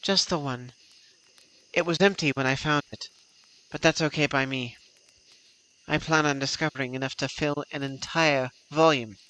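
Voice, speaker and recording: A man voicing an earnest young male traveling historian in a fan-dubbed game, talking eagerly and quickly. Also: on the high side, steady tone, bright, forceful tone, rough recording. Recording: clear music behind the voice.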